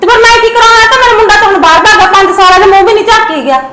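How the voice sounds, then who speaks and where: An actress playing a sharp-tongued older mother-in-law in a Punjabi village family drama, blunt and scolding, with a Punjabi accent. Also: very high voice, a loud crowd. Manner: blunt, scolding, quick retorts. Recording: echoey room with loud noise.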